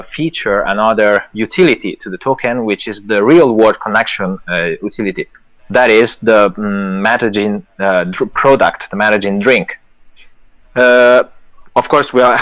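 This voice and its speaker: On a rough recording, a lowish, slightly bright male voice belongs to a project lead appearing as a guest in a live audio chat. A native Italian speaker, he hesitates a lot, restarting and using fillers, earnest and self-deprecating with light laughs.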